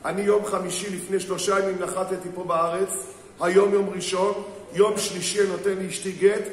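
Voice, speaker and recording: A rabbi preaches on marriage to a gathered crowd in a high voice, telling stories and acting out the people in them. His voice rings through a very echoey hall with a long reverb tail. Faint noise sits underneath. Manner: storytelling, acts out quoted people, asks the crowd questions. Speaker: rabbi giving a lecture on marriage. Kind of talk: sermon to a live audience. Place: synagogue hall with an audience.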